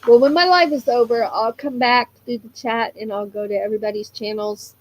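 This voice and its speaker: Hoarse from allergies, a woman hosts a crafting livestream, chatting casually, reading comments aloud, using many fillers and often laughing. Her voice sits on the high side with fairly even intonation and a brisk pace, against a noisy background.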